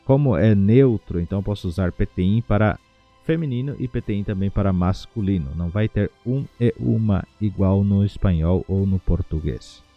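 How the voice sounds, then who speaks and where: A man teaching a language lesson from home, breaking words into syllables and repeating them slowly. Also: on the low side, phone-quality sound, faint music behind. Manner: slow, syllable-by-syllable pronunciation drills. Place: home without a studio.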